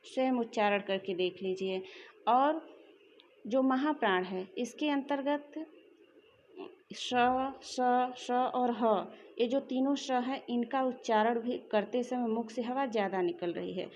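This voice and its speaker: A woman teaching a lesson in a fairly high voice. She explains step by step and repeats her examples, like a patient teacher. The recording sounds dull and lo-fi. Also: moderate pace, darkish tone, slight background noise. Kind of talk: classroom lesson.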